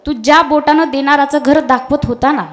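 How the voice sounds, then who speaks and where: Woman as a severe disguised deity, high voice, measured questions. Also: steady tone, a little hiss or hum, lightly acted. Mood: stern. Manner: stern, questioning. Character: stern god disguised as a holy man.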